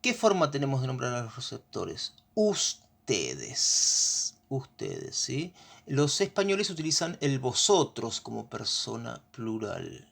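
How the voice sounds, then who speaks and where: A patient teacher with an Argentine accent works through a grammar lesson. The speaker keeps stopping to check that the class is following with quick questions, at a middle pitch. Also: very animated, vocal fry, slightly rough.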